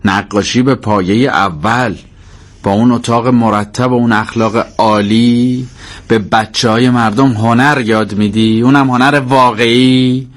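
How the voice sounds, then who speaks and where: A man's voice: medium pitch, steady tone, voice pushed up, close to an everyday voice. A man reading a story aloud, voicing a proud older mother of the house who speaks with mocking sarcasm. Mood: sarcastic. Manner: sarcastic, sulky.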